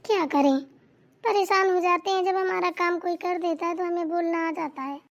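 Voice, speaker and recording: Lady doing a very high cartoon bahu, shy and worried. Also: fairly even intonation, normal speed. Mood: meek. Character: young daughter-in-law, meek and worried. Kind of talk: cartoon voice acting.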